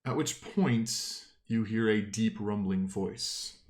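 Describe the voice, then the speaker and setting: A man's voice: lowish voice, slow, darkish tone. A man improvising descriptive, conversational narration as the game master of a tabletop role-playing game.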